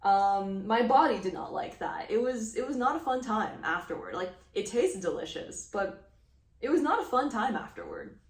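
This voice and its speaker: Here the Houston crochet vlogger, in her thirties, sounds higher and animated at a normal speed, chatting casually with lots of fillers and small laughs. She's far from the mic in an echoey room.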